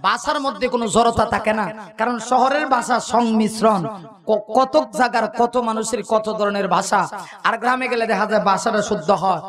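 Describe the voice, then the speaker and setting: A man with a strikingly high voice delivers a dramatic waz sermon. He swings from shouting to quiet asides and mimics regional speech for his listeners. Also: normal speed. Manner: acts out regional dialects for the crowd. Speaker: preacher.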